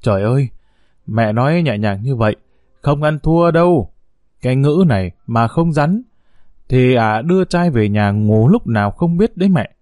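A man's voice: medium pitch, animated, normal speed, a little mellow, no room sound, clean studio sound, lightly acted. A man voicing an outspoken, heated young woman who complains bluntly in an audio story. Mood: indignant.

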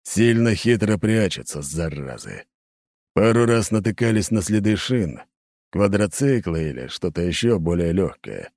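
A man voicing a grudging older male guard captain who reports slowly and plainly in an audiobook. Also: low voice, big pitch swings, a little mellow, no echo, studio quality, exaggerated voice. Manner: slow, grudging, plain-spoken.

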